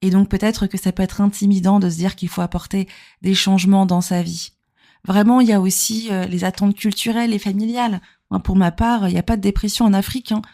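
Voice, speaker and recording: Brisk and mellow, with fairly even intonation in a mid-range voice, a woman from Normandy, France talks casually as a podcast host and therapist. She explains conversationally, addresses the listener head-on, and poses rhetorical questions along the way.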